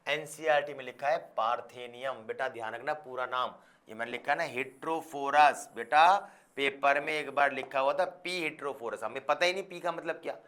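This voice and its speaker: A man's voice: medium pitch, normal speed, fairly bright tone. A man teaching a biology lecture, who keeps checking that his students follow and mixes English scientific terms into his explanations. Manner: calls students "beta", keeps checking they understand. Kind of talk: classroom lecture.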